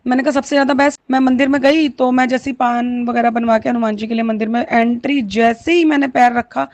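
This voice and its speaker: High-voiced woman, emotional devotional story, close dry recording. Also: fairly even intonation, a little fast, a little mellow, no room sound. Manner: tearful, heartfelt, mixes Hindi with Punjabi and English words. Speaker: devotee sharing a satsang testimony.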